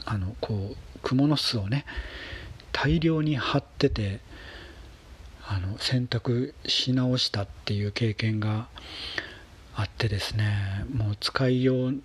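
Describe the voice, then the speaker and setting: A man with a breathy, husky voice chatting casually about daily life in a halting, unhurried monologue, phrases trailing off softly. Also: mid-range voice.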